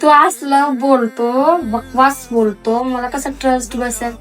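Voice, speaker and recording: A woman's voice: high-pitched, steady tone, takes it slowly. A woman talking back to her husband, dismissive and teasing in a casual home video. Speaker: wife. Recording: echoey room with music.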